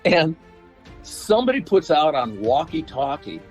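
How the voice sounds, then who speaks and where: A man slowly narrating a comic scene during a podcast chat. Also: a little high, sing-song, soft background music. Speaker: podcast host. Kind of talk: comic storytelling.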